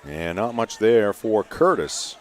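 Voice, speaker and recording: A man calling live high school football play-by-play in short running phrases. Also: sing-song, slow, a little mellow. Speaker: play-by-play announcer.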